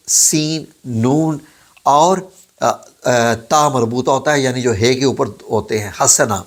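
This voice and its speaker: A man teaching Quranic Arabic vocabulary in a relaxed, informal lesson. He spells words out letter by letter, pauses often, and slips English words into his explanations. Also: medium pitch. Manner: modest and relaxed, many pauses and fillers.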